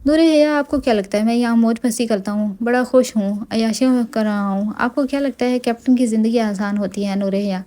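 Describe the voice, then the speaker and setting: Brief: woman voicing a tender, teasing young army husband on the phone, storybook reading, mellow and fairly high. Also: few pauses, lightly acted. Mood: stern. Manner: affectionate, gently scolding. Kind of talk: audiobook dialogue reading.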